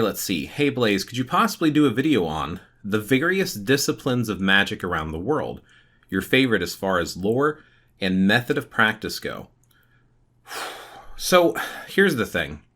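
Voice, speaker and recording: A man with a very low but bright, forceful voice talks to the camera about his own ideas. He explains things thoughtfully, stopping often to gather his words. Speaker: channel host. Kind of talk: casual talk to camera.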